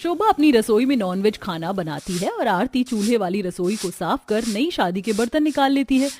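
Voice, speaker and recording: A woman's voice: a little high, very animated, moderate pace, darkish tone, slight background noise. Woman narrating a cartoon story.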